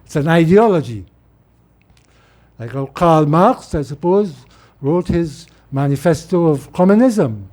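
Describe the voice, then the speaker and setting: An unhurried, expressive man with a fairly high pitch and darkish tone speaks in a Trinidadian accent. He's a middle-aged political speaker from Trinidad whose informal talk rambles, with repeated words each time he begins again.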